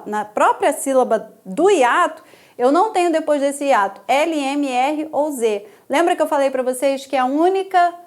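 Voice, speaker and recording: Her high, slightly mellow voice guides exam takers through grammar step by step, patient throughout. This Brazilian teacher, speaking with a Brazilian Portuguese accent, constantly tosses tag questions to make sure her students follow.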